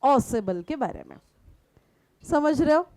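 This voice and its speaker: A woman teacher explaining a story to students, reading lines slowly and then explaining them in simple words with frequent checking questions. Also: sits high, lively intonation, a little mellow, no echo, low-quality recording. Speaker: English teacher. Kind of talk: classroom lesson explaining a story in Hindi and English.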